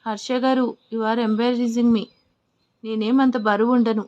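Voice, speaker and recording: A woman plays a young wife in an audio story, suspicious and quick to argue, with sulky, pleading questions. The voice is fairly high. The recording is slightly dull and lo-fi. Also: steady tone, close to an everyday voice. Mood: embarrassed.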